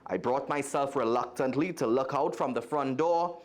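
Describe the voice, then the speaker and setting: At medium pitch and a moderate pace, a Trinidadian-accented man from Trinidad and Tobago, visiting as a guest storyteller, reads a children's story with expression. He talks straight to the kids listening.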